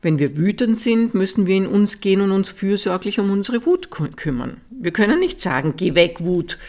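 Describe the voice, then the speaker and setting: Calm, measured reader of a spiritual teaching. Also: mid-range voice. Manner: calm, measured, softens at key sentences. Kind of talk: audiobook reading of a Buddhist teaching text.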